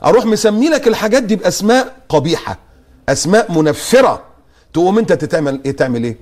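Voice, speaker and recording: A man with an Egyptian accent, a guest preacher giving animated commentary and mock-quoting his opponents. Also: high-pitched, rapid-fire. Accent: Egyptian Arabic. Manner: lively, mock-quotes opponents. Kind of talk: animated religious talk-show commentary.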